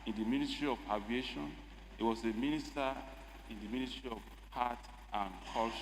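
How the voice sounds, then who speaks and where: A man with a Nigerian accent addresses a legislative chamber in a measured, emphatic formal style. His voice carries the long echo of a large hall. A faint hum of noise sits behind it. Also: mid-range voice. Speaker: state lawmaker. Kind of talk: formal parliamentary speech.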